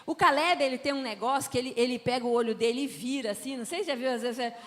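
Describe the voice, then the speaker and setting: A woman telling family stories in an emphatic, lively preaching talk at a family conference. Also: high-pitched, quick pace. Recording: long hall reverb.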